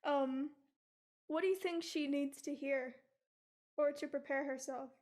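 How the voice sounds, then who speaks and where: A woman's voice: sits high, fairly even intonation, a little slow, a little mellow. A woman hosting an interview, asking questions in a friendly, admiring way with hesitant starts. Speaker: interview host.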